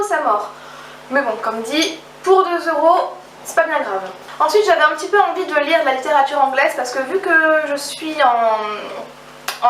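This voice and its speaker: A chatty young woman with a high, fairly bright voice hosts a casual book haul vlog. She's enthusiastic but hesitant, restarting sentences, and the recording sounds roomy with a slightly distant mic and faint background noise.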